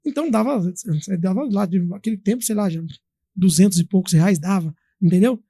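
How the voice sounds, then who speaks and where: A man from Brazil, a guest in an interview, telling a story in a lively, chatty way with many fillers. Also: high voice, fairly quick, slightly rough, no echo. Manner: animated, acts out quoted voices, many fillers. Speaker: guest, company founder.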